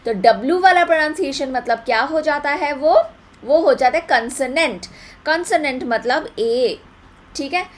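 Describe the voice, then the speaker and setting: A young woman teaching English grammar in an online exam-prep lecture. She repeats words slowly to drill their pronunciation. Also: sits high, animated.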